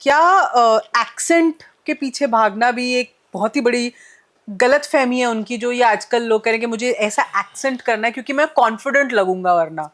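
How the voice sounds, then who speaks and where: A woman's voice: on the high side, normal speed, fairly bright tone. A woman hosting a podcast interview, steering the talk with long questions. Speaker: podcast host. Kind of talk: conversational interview.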